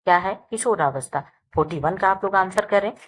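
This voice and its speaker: A woman's voice: mid-range voice, slight background noise. A woman teacher reading multiple-choice exam questions aloud and answering them, checking in often with her students. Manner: reads options slowly, repeats "ठीक है" often. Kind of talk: exam-prep lesson reading quiz questions. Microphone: phone recording, voice-over of book photos.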